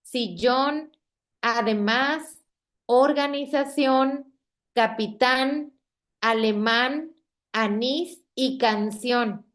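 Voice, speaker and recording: A woman teacher with a Mexican Spanish accent, explaining a classroom lesson slowly and patiently, checking in with her students after nearly every sentence. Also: a little high, fairly bright tone. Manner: slow, patient, checks in with "¿ok?" constantly. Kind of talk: classroom lesson on spelling and stress. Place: classroom with projector screen.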